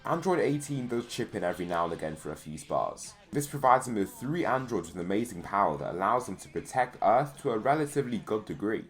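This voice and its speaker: Low-voiced man narrating a fan story. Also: very animated, fairly quick, few pauses. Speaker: channel host and narrator. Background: faint music.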